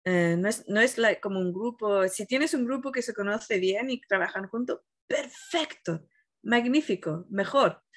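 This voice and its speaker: A woman spiritual teacher in a reflective, conversational talk, retelling a story in an animated way and often searching for the right word. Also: medium pitch, unhurried.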